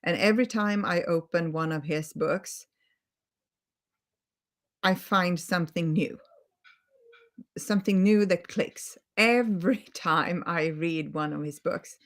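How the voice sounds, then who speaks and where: She is a Swedish holistic healing coach, a native speaker with the accent, speaking gently and earnestly on a live stream and doubling up words for emphasis. Her fairly low voice moves slowly, with long pauses.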